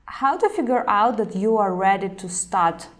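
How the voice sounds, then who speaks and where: A woman interviewer who speaks as an asks winding, curious questions. She fills pauses with "like" and "uh" as she gropes for the wording. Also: medium pitch, animated. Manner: long, searching questions with fillers like "like" and "uh". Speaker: interviewer, host.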